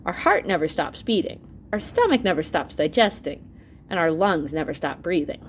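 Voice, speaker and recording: This woman's voice leans low and moves at normal speed, with slight background noise, as she reads an educational book to students in a teacher's role. Her reading is expressive and lively, full of asides and exclamations directed at the listeners.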